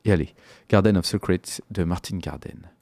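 Deep-voiced, hesitant male radio host. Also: moderate pace, mellow, no room sound. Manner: hesitant and rambling, heavy on fillers. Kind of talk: casual radio presenting between music tracks.

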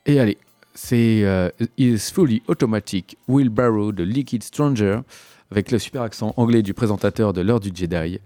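Hesitant low-voiced radio host. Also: male voice, normal speed, warm tone, soft background music. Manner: hesitant, lots of filler sounds. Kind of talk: casual radio presenting. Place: radio studio.

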